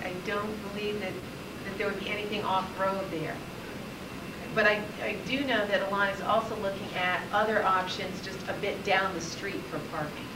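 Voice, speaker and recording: A woman reporting to a village board in a measured way, sometimes repeating her words. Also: medium pitch. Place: village board meeting room. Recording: echoey room, distant mic, hiss.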